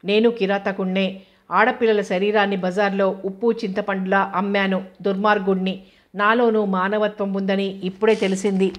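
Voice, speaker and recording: A guilt-ridden middle-aged man pours out a pleading confession in a storybook reading, as a woman narrator takes his part. The delivery stays level, with little rise or fall, in a mid-pitched voice. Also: flat delivery, moderate pace, lightly acted. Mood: remorseful. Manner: pleading, self-accusing. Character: remorseful middle-aged male pimp confessing.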